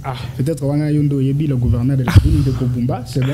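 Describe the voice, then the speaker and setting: A Congolese political analyst with a Congolese French accent answers interview questions, often replying with rhetorical questions and stammering repeats. His medium-pitched voice is flat and quick, with a crowd audible behind him.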